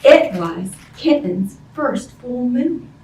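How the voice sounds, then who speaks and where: A woman with a fairly high, darkish-toned voice speaks slowly and with animation, reading a picture book aloud to young children and chatting with them in simple, question-filled language. The recording has a roomy, distant quality and faint background noise.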